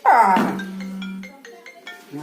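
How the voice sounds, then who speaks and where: A woman with an Ivorian French accent, talking casually and scolding with animated laughs. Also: drawn-out words, reverberant, soft background music. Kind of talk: casual monologue to camera.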